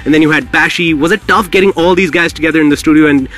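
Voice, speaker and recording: Male radio host, forceful bright tone, raised pitch, hyped slangy delivery. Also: quick pace. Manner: hype-filled, repetitive, slangy. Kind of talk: live radio interview, effusive hosting.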